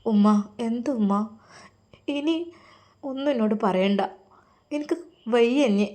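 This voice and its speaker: A woman's voice: a little high, takes it slowly, dark tone, voice pushed up. A woman voicing a grieving young woman who pleads tearfully in prayer, in a storybook telling. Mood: despairing. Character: grieving young woman praying for her sick beloved.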